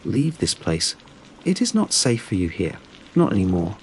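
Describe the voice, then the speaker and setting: A man voicing an ancient male grizzly guardian that speaks calmly, firm but gentle. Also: lowish voice, normal speed, slight background noise, poor audio.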